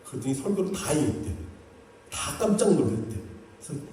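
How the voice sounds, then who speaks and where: A male pastor preaching a sermon in an animated way, sometimes quoting God in a fatherly voice. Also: on the high side, a little fast, slight background noise. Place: church sanctuary. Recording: echoey church sanctuary, mic at a distance.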